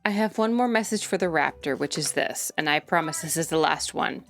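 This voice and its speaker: A woman's voice: sits low, lively intonation, brisk, fairly bright tone, soft background music. A drunk young woman rambling in a rowdy party-animal way, repeating herself and swearing in a casual livestream chat.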